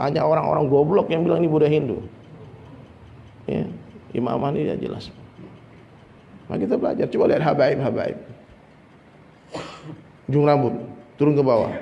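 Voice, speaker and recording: A man from Indonesia's region, giving a lively, humorous sermon to an audience. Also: fairly high pitch, vocal fry, lo-fi sound, slight background noise. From Minangkabau, Indonesia. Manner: lively, humorous preaching, often addressing listeners. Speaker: preacher. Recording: long reverb, faint ambience.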